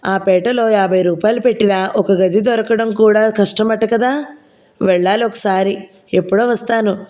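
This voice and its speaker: A woman's voice: mid-range voice, fairly even intonation, moderate pace, mellow, natural voice. A woman voicing a nosy, chatty older village woman who pries and scolds, in an audiobook reading. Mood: prying. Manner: prying, scolding, gossipy.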